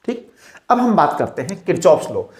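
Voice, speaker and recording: Slow, lively-voiced man teaching physics. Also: on the high side. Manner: explains slowly, repeats key phrases, dictates definitions word by word; asks the class checking questions. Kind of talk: classroom lecture.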